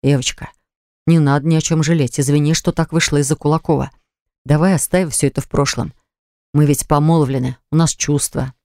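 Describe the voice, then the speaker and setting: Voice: medium pitch, fairly quick, darkish tone, smooth, no echo, studio quality, lightly acted. A reader voicing a blunt, domineering young man who insists on getting his way with his fiancée in an audiobook. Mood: coaxing.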